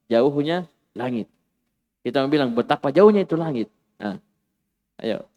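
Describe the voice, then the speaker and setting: A male teacher in a classroom talks through Arabic grammar drills at an ordinary middle pitch. His delivery is lively and animated, and he acts out exclamations for his students. The voice carries a long reverb from the room around him. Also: unhurried. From Indonesia.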